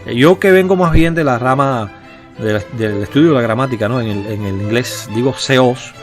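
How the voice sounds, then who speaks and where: A man's voice: mid-range voice, normal speed, soft background music. A man giving an explanatory lecture on grammar as a teacher, talking patiently and often checking in with his listeners. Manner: patient, explaining, with frequent "eh" and "¿verdad?" tags.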